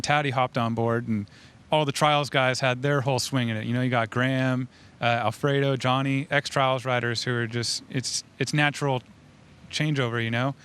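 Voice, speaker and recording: A man answering interview questions as a guest rider in a relaxed, filler-heavy way. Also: mid-range voice, a little hiss or hum.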